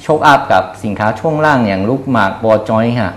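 Guy in his 30s, lowish voice, stop-start interview answers, room noise behind him. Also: animated, reverberant. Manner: hesitant, frequent filler pauses and repeated words. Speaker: company executive being interviewed. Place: small indoor showroom office. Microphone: lapel mic.

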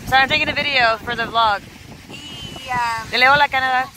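A woman's voice: high-pitched, fairly quick, far from the mic. A woman in her twenties chatting casually on holiday at an outdoor resort, recorded on a handheld phone. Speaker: vlogger. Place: busy outdoor beach resort. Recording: loud outdoor crowd and background noise.

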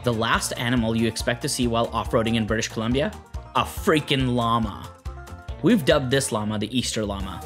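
A man narrates a travel video in a plain, upbeat voice-over, at a middle pitch. Soft music plays under his words.

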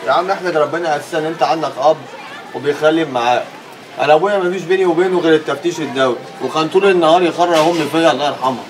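A man's voice: on the high side, racing, close to an everyday voice. A man playing a slangy young Egyptian street guy. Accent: Egyptian Arabic. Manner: slangy, casual. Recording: busy street noise and crowd.

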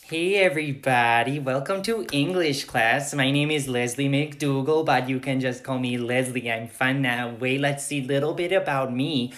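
A man's voice: medium pitch, moderate pace, few pauses, a bit bright, lightly acted. A man switching impression voices, playing a perky, chatty single-mom English teacher with a folksy manner in a comedy sketch.

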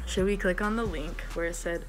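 A woman's voice: lowish voice, a little fast, music in the background. A teenage girl hosting a casual reaction vlog, giggly and easily spooked. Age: teens. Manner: giggly, easily spooked, shrieks and laughs at shocking things. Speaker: vlogger.

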